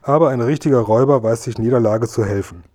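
A man's voice: mid-range voice, quick pace, a little mellow. Man narrating a children's audiobook.

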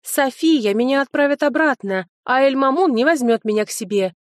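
A woman's voice: high voice, animated, normal speed, no room sound, clean studio sound, voice pushed up. A woman reading an audiobook, voicing a sly, self-serving young man, a former fiancé. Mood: pleading threat.

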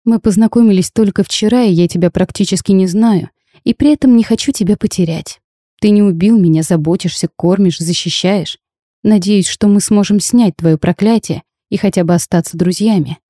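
A woman reading the lines of a bold, sharp-tongued young half-fairy bride in a storybook tale, lively and teasing in tone. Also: mid-range voice, moderate pace, dry recording, clean studio sound, close to an everyday voice. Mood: spirited.

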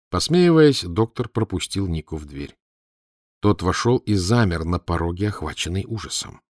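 A man narrating an audiobook in an expressive reading, close to the mic. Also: lowish voice, no echo. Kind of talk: scripted narration.

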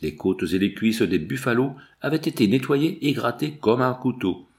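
Male audiobook reader, expressive, animated intonation. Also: mid-range voice, moderate pace. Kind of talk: scripted narration.

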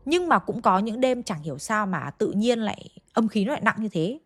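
A woman voicing a young village man who calmly reassures his frightened friend. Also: mid-range voice, brisk, soft background music. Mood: reassuring. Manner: gentle, reassuring.

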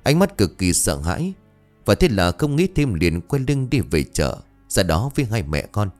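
A man with a low voice narrates a ghost story with suspense, his pitch swinging widely. Soft music plays faintly underneath. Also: sing-song, normal speed. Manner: dramatic, suspenseful.

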